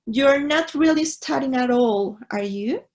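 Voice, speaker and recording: A woman teacher with a Mexican Spanish accent talks students patiently through grammar, one step at a time. Her voice sits a little high and has a gravelly edge. She speaks slowly and checks in with the class often. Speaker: English teacher. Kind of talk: online class, reading and explaining in two languages.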